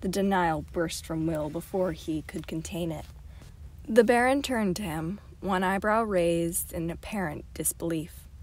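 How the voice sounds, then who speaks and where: A woman reading a novel aloud as an amateur audiobook narrator, in a steady, clear storytelling manner. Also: lowish voice, unhurried. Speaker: audiobook reader.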